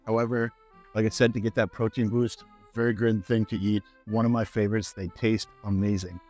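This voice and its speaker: A lowish, slightly mellow male voice with a level tone and a somewhat quick pace: a Canadian fitness vlogger in his thirties. He chats casually to camera while walking a grocery store on a lapel mic, upbeat and full of fillers, with faint music in the background of this walk-through vlog.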